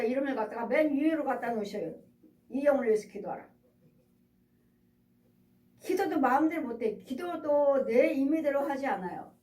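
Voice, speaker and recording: Heard from afar in the echoey space of a church sanctuary, a middle-aged woman pastor delivers a sermon full of repeated exhortations and rhetorical questions to the congregation. She has a high voice with a darkish tone.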